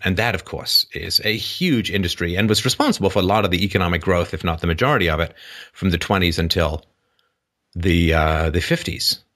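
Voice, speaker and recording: A man's voice: low-pitched, bright, forceful tone. A man hosting a call-in show, lecturing a caller with sarcastic asides. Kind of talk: explanatory monologue to a caller.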